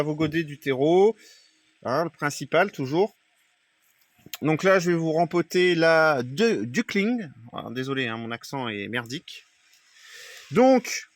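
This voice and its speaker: A man's voice: a little high, fairly bright tone, no room sound. A man giving a casual gardening tutorial in a greenhouse, chatty and loose, with many fillers and apologies. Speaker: gardening vlogger.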